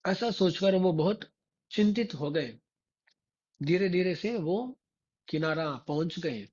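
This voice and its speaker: A male religious teacher recounts a devotional tale at a very unhurried pace. His voice sits a little high for a man and has a husky, breathy edge. The recording sounds dull and lo-fi. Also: animated, a little mellow. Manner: slow and repetitive, often turning to the listeners with rhetorical prompts. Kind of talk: devotional storytelling discourse.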